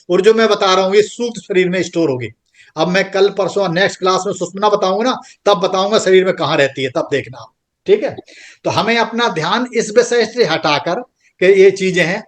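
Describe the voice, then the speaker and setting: A man teaching a spiritual class to an online group, his voice sitting high for a man. He explains slowly and patiently, repeats his points, and keeps checking that his listeners follow. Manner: patient, repetitive explaining with frequent "theek hai". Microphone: computer microphone on an online group call.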